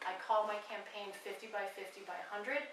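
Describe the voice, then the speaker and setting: A woman's voice: medium pitch, steady tone, normal speed, fairly bright tone. A woman in her forties, a radio guest making an earnest, urgent appeal in a passionate way. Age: 40s. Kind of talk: impassioned awareness appeal. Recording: echoey room from far off, faint noise.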